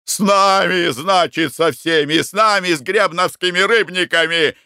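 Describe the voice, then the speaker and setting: A crafty older merchant with a temper, blustering one moment and wheedling the next, as a male narrator puts him on. The voice swings widely in pitch and sits close and dry. It carries a storybook flavour. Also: animated, normal speed, fairly bright tone, no room sound. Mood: outraged shouting. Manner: blustering, sly. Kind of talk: audiobook character reading.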